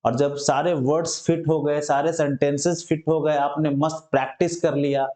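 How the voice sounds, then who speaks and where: A man teaching English vocabulary in Hindi, explaining each word slowly and often checking with "understood?". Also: on the high side, fairly even intonation, warm tone. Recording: echoey room.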